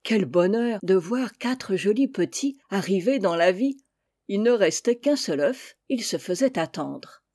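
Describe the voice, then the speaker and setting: A woman reads a children's fable aloud in a gentle, measured storybook manner. Her voice is dark and mellow, with a husky, breathy softness at mid pitch. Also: expressive.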